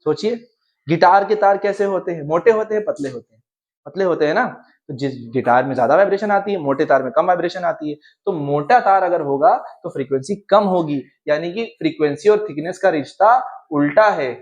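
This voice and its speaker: Lively, chatty young male physics teacher. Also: fairly high pitch, brisk, lo-fi sound. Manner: lively, chatty and informal, mixes in English terms and playful asides. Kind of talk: exam-prep lesson.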